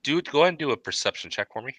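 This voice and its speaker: A man's voice: mid-range voice, expressive, rapid-fire, a bit bright, no echo. A man running a tabletop role-playing game, setting scenes like a camera panning and often repeating words as he goes. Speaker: game master.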